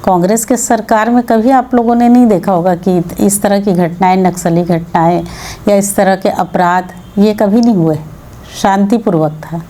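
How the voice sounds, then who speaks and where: A woman's voice: medium pitch, steady tone, normal speed, dark tone. A woman legislator answering interview questions firmly, arguing her case with rhetorical questions. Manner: firm, argumentative, rhetorical questions. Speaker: MLA, interview guest.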